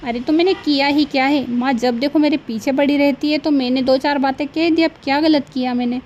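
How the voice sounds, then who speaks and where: A woman's voice: high voice, fairly even intonation, fairly quick, darkish tone, lo-fi sound, a little hiss or hum, natural voice. A woman voicing a young, put-upon daughter-in-law in a cartoon, speaking in a pleading, complaining manner.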